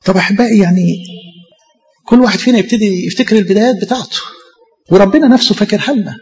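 A priest with an Egyptian Arabic accent delivers an impassioned sermon straight to his congregation. His high male voice races along with a slightly mellow quality, echoing in a large hall on a lo-fi recording.

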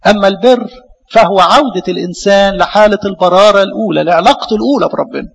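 A man with an Egyptian Arabic accent preaching a sermon as a priest, lively, with many rhetorical questions. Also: high-pitched, rapid-fire, creaky, slightly rough, big-room sound, low-quality recording.

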